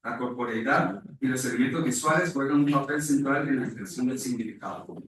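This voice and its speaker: A man from Rica, giving a formal, measured academic conference presentation that is partly read aloud, and correcting himself at times. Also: medium pitch, a bit bright, a little hiss or hum. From Costa Rica. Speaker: conference speaker. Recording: echoey hall, voice far from mic.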